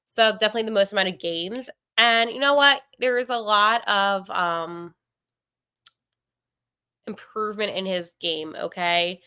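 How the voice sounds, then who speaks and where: A woman hosting a sports podcast, talking casually and with strong opinions, full of fillers and quick asides. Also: medium pitch, sharp tone, smooth, no echo, studio quality. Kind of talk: casual solo podcast commentary.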